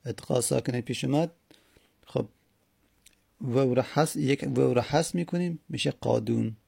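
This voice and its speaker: Gravelly, low-toned man teaching slowly. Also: darkish tone, dry recording. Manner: patient, repeats words slowly and drawn out. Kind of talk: explaining Arabic grammar lesson.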